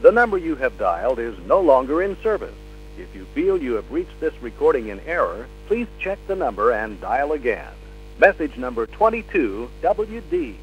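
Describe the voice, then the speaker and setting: A man's recorded phone message, read in a polite and measured announcer manner with a lively, rising and falling pitch. It plays back over a dull, lo-fi phone line with faint music underneath.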